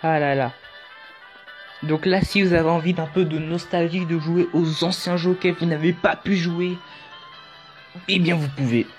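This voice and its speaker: A man's voice: fairly high pitch, fairly even intonation, normal speed, long pauses. A man talking through a casual tutorial in a chatty, rambling way with jokey asides. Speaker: YouTube tutorial host. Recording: dull lo-fi audio with faint music.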